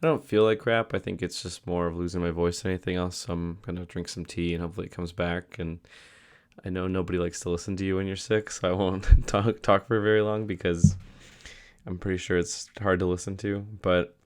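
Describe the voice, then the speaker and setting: A young male vlogger talks casually in a video diary while a little sick, his voice going from a cold, and rambles with many fillers and restarts. His voice is deep, darkish and clean, with little pitch movement and a brisk pace.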